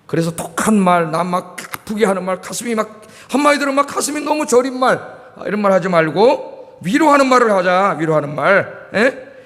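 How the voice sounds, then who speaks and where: A man's voice: high voice, lively intonation, a little fast, fairly bright tone. A middle-aged male pastor from Korea preaching a sermon, asking the congregation questions and repeating key words. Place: church sanctuary. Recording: reverberant church hall.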